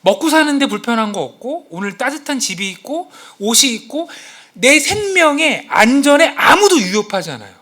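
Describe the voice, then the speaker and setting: A man's voice: extremely high pitch, moderate pace. A male pastor preaching a sermon to his congregation in a church, acting out quotes and asking the listeners questions. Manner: animated, acts out quotes and exclamations. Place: church sanctuary.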